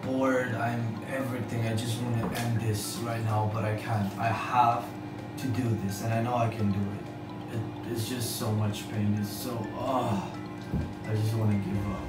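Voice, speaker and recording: A man's voice: on the low side, little pitch movement, a little slow, far from the mic. Young male vlogger, worn-out casual delivery, recorded on a phone in a small echoey bathroom with music underneath. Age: young adult. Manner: tired, groggy, sighing. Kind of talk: casual vlog to camera. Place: small tiled bathroom, lying in a bathtub. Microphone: phone camera propped nearby. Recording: echoey bathroom, slightly off-mic, background music.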